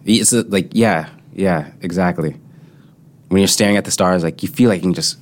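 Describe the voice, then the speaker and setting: A man's voice: low-pitched, normal speed. A young man co-hosting a casual podcast chat, reflective and thinking aloud, with many filler words. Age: young adult. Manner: reflective, heavy use of filler "like". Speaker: podcast co-host.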